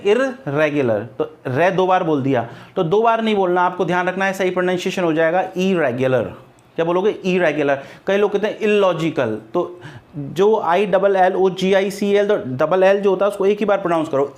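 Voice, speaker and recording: A man from India teaching an English grammar lesson, patient and repetitive, spelling words out letter by letter. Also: high-pitched.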